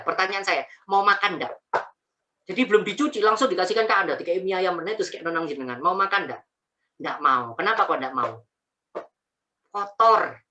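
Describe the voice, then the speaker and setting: A man, an Islamic preacher giving an animated, repetitive and joking talk over a video call. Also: sits high. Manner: animated, repetitive, joking, speaks heartfelt prayers aloud. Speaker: Islamic preacher answering questions. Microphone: video call mic.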